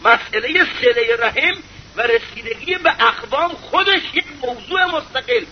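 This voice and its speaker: A male preacher giving an impassioned sermon full of rhetorical questions, sometimes breaking into shouts. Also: very high-pitched, lively intonation. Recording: slightly muffled with faint hiss.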